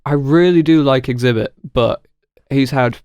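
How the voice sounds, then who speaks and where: A man's voice: mid-range voice, unhurried, a little mellow, clear, resonant tone, no echo, clean studio sound. A young man with a Hull accent chatting casually and informally, with some swearing. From Hull, England. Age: young adult. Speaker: podcast guest, music student. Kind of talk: casual chat.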